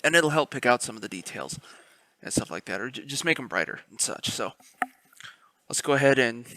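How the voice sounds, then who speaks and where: In a dry recording, a man with a medium-pitched, expressive voice and a sharp tone hosts a casual miniature painting tutorial at a brisk clip. As a hobbyist, he rambles a bit, using fillers and restarting sentences.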